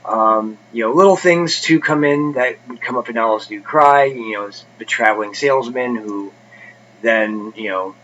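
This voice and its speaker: Bright-voiced congested man reviewing books. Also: mid-range voice, normal speed, dull audio, slight background noise. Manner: rambling, many fillers and restarts. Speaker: book review channel host. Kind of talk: casual book review chat.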